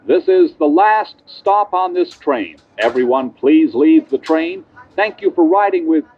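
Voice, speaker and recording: A man with a husky voice reading a formal, instructive scripted subway announcement as a transit announcer. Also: fairly high pitch, expressive, a little slow. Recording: muffled, dull subway announcement audio.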